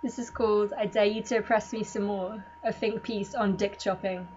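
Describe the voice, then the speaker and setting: A woman performing her own spoken word poetry in a measured, deadpan delivery. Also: medium pitch. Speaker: poet. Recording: muffled lo-fi recording with faint hum.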